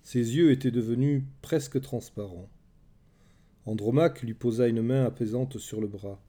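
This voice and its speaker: A male narrator reads a story in a deep, mellow tone. His delivery is measured and dramatic, with a steady middle pitch.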